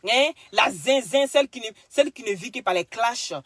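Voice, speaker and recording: A woman's voice: a little high, expressive, moderate pace, no echo. Scolding woman. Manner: scolding and insulting, swings loud and quiet, mixes in broken English. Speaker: social media commentator. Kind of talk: ranting clash video.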